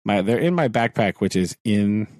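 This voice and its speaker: Recorded dry and clean at home, this man is a teacher co-hosting a podcast in casual conversation. He speaks at normal speed in a fairly low, slightly mellow voice with lively intonation, laughing frequently and acting out what he's thinking.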